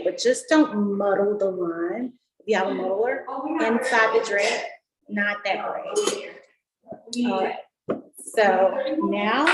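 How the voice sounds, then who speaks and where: Chatty woman teaching cocktails in an echoey room. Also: medium pitch. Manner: chatty, upbeat, explains while mixing. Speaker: mixology instructor. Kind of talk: casual online cocktail class. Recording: echoey room with faint noise.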